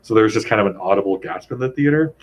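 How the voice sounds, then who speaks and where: A young man in casual chat, rambling and animated as he retells things, heavy on "like". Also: on the low side, rapid-fire, low-quality recording.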